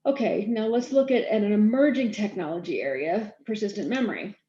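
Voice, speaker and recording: Woman, keynote speaker, quick delivery, mellow tone, roomy muffled sound. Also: medium pitch, a little hiss or hum. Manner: fast-talking, self-aware about speed. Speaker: keynote speaker, storage architect. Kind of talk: conference keynote presentation.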